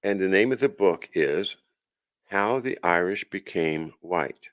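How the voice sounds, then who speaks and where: A man's voice: low voice, animated, slow pace, fairly bright tone. A man hosting his own show, talking casually in a rambling monologue full of restarts and asides. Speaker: podcast host.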